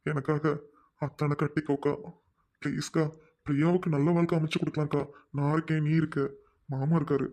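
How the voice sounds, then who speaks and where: Man as a fast-talking loyal younger brother, dark tone, urgent and pleading, family drama. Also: a little high, lightly acted. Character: devoted hot-tempered younger brother.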